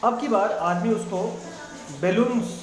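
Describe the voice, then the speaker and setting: A man teaching a class reads a story aloud at a slow, drawn-out pace, then explains it, dropping his voice low and quiet for the quoted lines. His voice sits fairly high. The room around him rings with a long, hollow echo over a faint background hiss.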